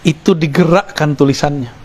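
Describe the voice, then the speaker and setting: A man teaching a sufi study circle, relaxed and joking now and then with the listeners around him. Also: a little high, fairly quick. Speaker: religious teacher.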